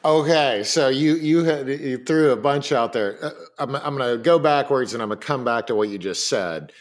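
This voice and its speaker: A man in a casual podcast talk who explains carefully and sometimes restarts a sentence as he goes. His voice sits in an average male range. The tone is even and reflective. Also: mid-range voice, moderate pace. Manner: thoughtful, explains step by step with restarts.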